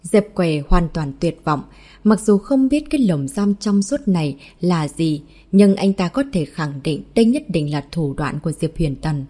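Woman reading an audiobook, low soft warm voice, steady and even. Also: unhurried. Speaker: audiobook narrator. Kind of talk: scripted novel narration.

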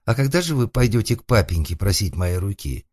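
A prim, proud young beauty , as a male narrator puts her on, raised high above his deep natural voice. She sighs and pleads in breathy little gasps, yet stays stubborn. The read is close and dry, with no room around it. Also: sing-song, brisk, a little mellow, no room sound.

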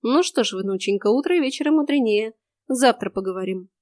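A woman's voice: a little high, expressive, brisk, a little mellow, dry recording, clean studio sound, natural voice. Woman playing an imperious old witch grandmother. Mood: commanding.

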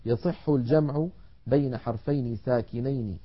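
A male teacher of Quran recitation gives a patient, methodical televised lesson at a middle pitch. He stretches out each example word slowly before explaining it. The recording sounds dull and lo-fi. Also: husky. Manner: measured explanatory delivery, drawing out example words slowly.

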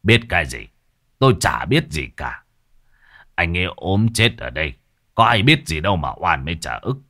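A man voicing a gruff, scornful older village man who talks low and hushed, in a spoken ghost story. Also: sing-song, normal speed, full character voice.

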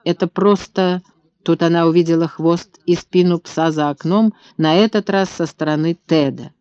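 A man reading an audiobook in steady, tense scripted narration. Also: on the high side, normal speed, smooth, dry recording. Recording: dull lo-fi dry recording.

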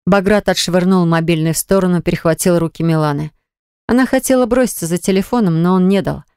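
A woman narrating a romance novel in a measured, expressive reading style. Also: on the low side, clean tone, no echo, clean studio sound. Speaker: audiobook narrator.

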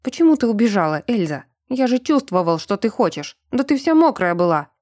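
Female narrator voicing a blunt, exasperated werewolf guy, dark mellow tone, dry close read. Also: mid-range voice, very animated, fairly quick, no echo, natural voice. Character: gruff young man, werewolf, teasing and hot-tempered.

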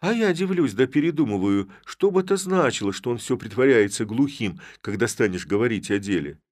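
A man's voice: mid-range voice, expressive, moderate pace, dry recording, studio quality, voice pushed up, lightly acted. A man doing a bold, mocking young Cossack. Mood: mocking, rousing. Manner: mocking, rousing.

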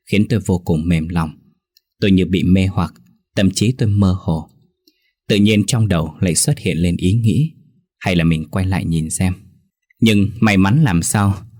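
A man narrating a first-person horror story in a tense, measured storytelling manner. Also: low-pitched, darkish tone.

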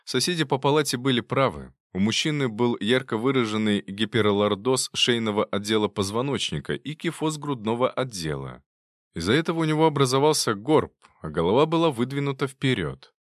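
A man narrating a novel in the first person, wry and expressive. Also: medium pitch, fairly quick, no echo, clean studio sound. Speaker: audiobook narrator.

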